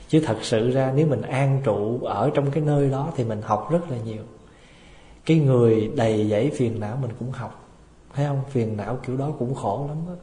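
A male Buddhist monk delivers a dharma talk in a mid-pitched voice. He tells homely, humorous anecdotes and often checks with the audience through rhetorical questions. His voice rings through a reverberant temple hall. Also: warm tone. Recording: echoey hall with long reverb.

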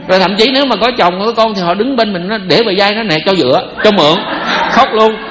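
High and quick, this Buddhist teacher's voice comes through a noisy background in an echoing hall. With his Southern Vietnamese accent, he preaches in a chatty, joking way and throws out rhetorical questions.

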